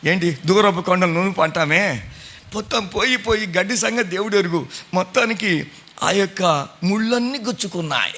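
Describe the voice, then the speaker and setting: A man's voice: high voice, normal speed, bright, forceful tone. A middle-aged man preaching a sermon as pastor, questioning his congregation in a conversational way. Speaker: pastor and Bible college principal.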